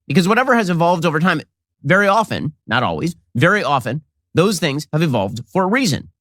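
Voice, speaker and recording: A man as a political commentator delivering a quick, sarcastic monologue into a close mic. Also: fairly high pitch, a bit bright, no echo.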